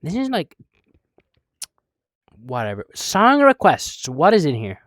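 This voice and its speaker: A man's voice: a little high, wildly swooping pitch, slow, a bit bright, no echo, clean studio sound. A man streaming a game live, rambling casually, swearing a lot and making playfully dramatic, mock-whiny complaints.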